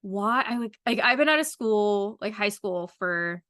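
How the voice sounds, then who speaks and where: A woman's voice: medium pitch, expressive, measured pace, a bit bright, no room sound, clean studio sound. A woman in her thirties hosting a casual chat podcast, rambling with lots of fillers. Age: 30s. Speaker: podcast host.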